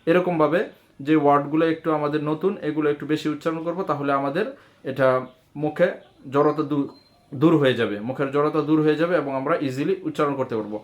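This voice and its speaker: A man who speaks Bengali natively, teaching English letter sounds by saying each one slowly and repeating it. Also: a little high, fairly even intonation. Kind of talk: lesson.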